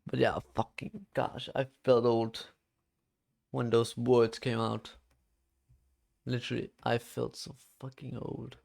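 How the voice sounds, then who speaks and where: A man's voice: mid-range voice, flat delivery, takes it slowly, vocal fry, long pauses, a little mellow. An eighteen-year-old man streaming live, chatting casually while he codes, rambling with lots of "like" fillers and frequent swearing.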